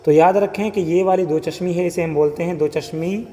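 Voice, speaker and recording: A patient male teacher with a fairly high but mellow voice, taking his viewers through a writing lesson one letter at a time. He sounds out each sound slowly and repeats it. The voice rings with a long reverb. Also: fairly even intonation.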